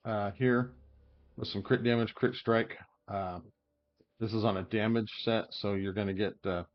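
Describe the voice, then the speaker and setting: In a fairly low voice, a man who creates game guides muses casually over character builds, his talk full of fillers and hiccups. The audio is dull.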